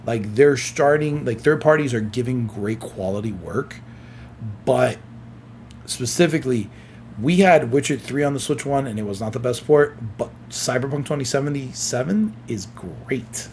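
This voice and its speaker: Male streamer, mid-pitch, drowsy and yawning, reads news aloud and reacts casually; faint hum of room ambience behind. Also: moderate pace, darkish tone. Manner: chatty, reacts with exclamations between read-out passages. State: sleepy, yawning. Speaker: gaming streamer. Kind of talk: reading articles aloud with casual commentary.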